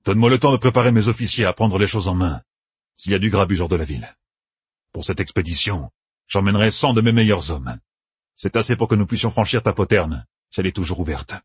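A man voicing a stern, steady middle-aged general who talks calmly and gravely. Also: deep voice, fast, no echo.

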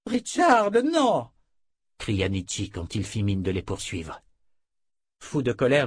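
A man reading a fantasy novel aloud in a steady, measured storytelling voice. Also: lowish voice, breathy edge, no room sound, clean studio sound. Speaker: audiobook reader. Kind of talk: scripted narration.

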